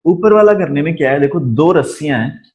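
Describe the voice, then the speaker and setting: A man teaching physics in a live online class, speaking deliberately slowly and often checking in with his students. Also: on the high side, lively intonation, a little mellow, dull audio. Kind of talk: live online lesson, mixing Hindi and English.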